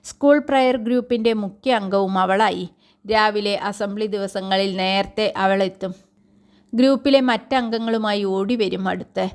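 A woman narrates a literary short story in the first person. Her reading is measured and steady, at an ordinary mid pitch. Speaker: story reader.

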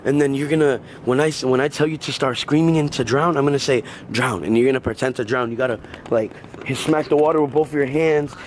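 A man's voice: mid-range voice, fairly even intonation, fast talker, few pauses, a little hiss or hum. A young man vlogging casually by a backyard pool, rambling and repeating himself with lots of fillers. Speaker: prank vlogger. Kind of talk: casual vlog talk. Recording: loud music playing over the voice. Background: music.

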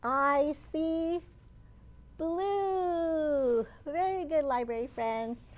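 Speaking extremely slowly in a voice that sits high, a storytime host in her thirties encourages young listeners with simple phrases. She's a children's librarian, indoors in the library's children's area.

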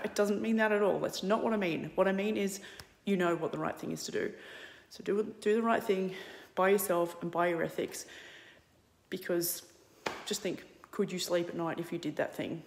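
A woman's voice: lowish voice, long reverb tail. An Australian woman business coach talking frankly in a casual live video, rambling, repeating herself and dropping to whispers, from a phone held at arm's length.

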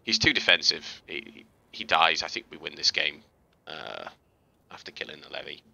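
A man casually talking through game footage as a tutorial host, chatty and relaxed, with fillers and restarts. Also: rumbling low, moderate pace, creaky, dry recording. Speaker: gaming video host. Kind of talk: casual gameplay commentary and tutorial.

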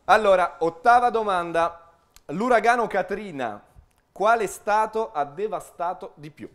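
A man's voice: sits high, lively intonation, a little slow, fairly bright tone. A man co-hosting a live quiz show on a stage with playful banter. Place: stage in a hall with seated audience.

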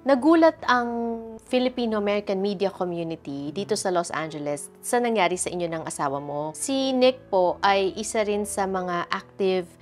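A woman's voice: mid-range voice, lively intonation, normal speed, few pauses, soft background music. A woman hosting an interview show, asking her guest questions in a conversational tone and mixing two languages. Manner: conversational, mixes Tagalog and English.

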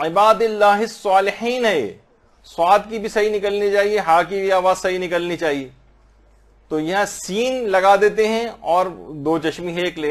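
A man with a somewhat high voice gives a patient lesson on reciting prayers correctly. He slows right down to sound out Arabic phrases letter by letter, then goes back to plain explanation. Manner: slow, drawn-out recitation of Arabic phrases to demonstrate pronunciation. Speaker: religious teacher.

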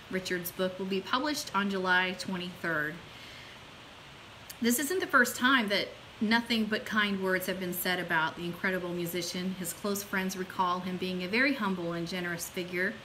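Speaking in a mid-range voice, a middle-aged online radio host keeps things informal and enthusiastic, partly reading from a script. The rough recording comes from a small indoor room at home or an office, with steady hiss behind her.

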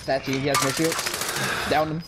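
A man's voice: medium pitch, level tone, moderate pace, very noisy. A man playing an online shooter, making casual callouts to his squad over a headset. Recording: voice chat under loud gunfire.

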